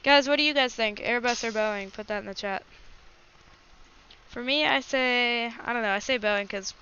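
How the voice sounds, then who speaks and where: Bright-voiced woman livestreamer, lo-fi sound. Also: a little high, moderate pace. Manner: informal, chatty, addressing viewers directly. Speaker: livestream host. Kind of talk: casual live plane-spotting commentary. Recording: dull lo-fi mic with faint noise.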